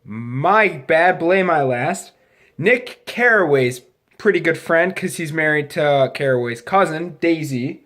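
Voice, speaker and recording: A man with a slightly high voice, drunk and getting drunker, talks through a movie review. He rambles, doubles back on his sentences and drops crude slang and swearing as he goes. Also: expressive, a little slow, fairly bright tone. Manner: rambling, loses his thread, restarts sentences; profane, crude slangy talk. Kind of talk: casual rambling film review to camera.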